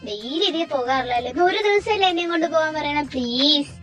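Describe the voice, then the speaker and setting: A cheeky young college girl, voiced by a woman, who talks in a very high, girlish voice. She pleads and chatters dramatically in a fan-made audio story. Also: animated, brisk, fairly bright tone, faint music behind. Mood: pleading.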